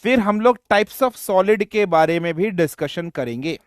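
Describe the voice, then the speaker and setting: A man's voice: high voice, animated, unhurried, no echo, clean studio sound. A young man from western Uttar Pradesh teaching a live online class, joking and teasing his students between explanations.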